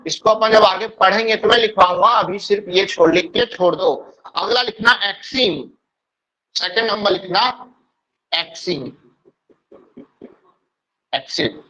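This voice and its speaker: A male teacher giving an exam-prep lecture, dictating terms slowly and repeating them for note-taking, often asking questions and answering them himself. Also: high-pitched, bright, forceful tone, dull audio.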